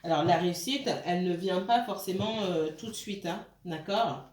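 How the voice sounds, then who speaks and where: A female tarot card reader with a lowish, darkish voice speaks at a moderate pace during a casual reading. She's hesitant, full of fillers and restarts, and often checks in with her listeners, while the recording carries a roomy echo.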